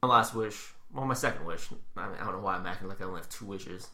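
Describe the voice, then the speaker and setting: A man co-hosting a casual podcast chat, laid-back and quick to laugh. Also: low-pitched, pushed and bright. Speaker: podcast co-host.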